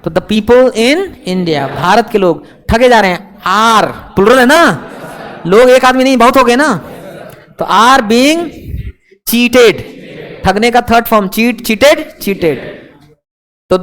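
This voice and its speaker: High-voiced, unhurried male teacher. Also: a bit bright. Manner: keeps checking with the class and teasing students. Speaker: English teacher. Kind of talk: classroom grammar lecture. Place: classroom with students.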